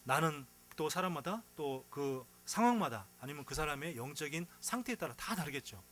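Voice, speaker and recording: This pastor's voice is a little high and moves at normal speed as he preaches. He tells stories with lively feeling and asks the congregation rhetorical questions along the way.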